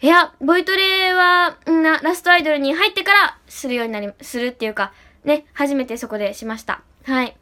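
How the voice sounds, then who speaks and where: A woman livestreaming as an idol, talking fast and bubbly while reading out and answering chat comments. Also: sits high, pushed and bright. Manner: bubbly, often repeats "really".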